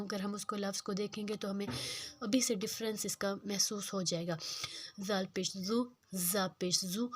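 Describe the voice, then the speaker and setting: A woman teaching Quran reading, speaking slowly and repeating sounds and words to show the difference between them. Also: medium pitch, fairly bright tone. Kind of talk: slow patient tajweed lesson.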